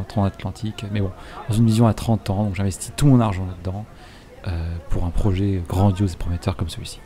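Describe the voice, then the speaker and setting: A man playing an English airship investor in a tabletop game, hesitant and halting. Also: lowish voice, warm tone, close to an everyday voice. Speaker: player. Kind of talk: tabletop role-play in character.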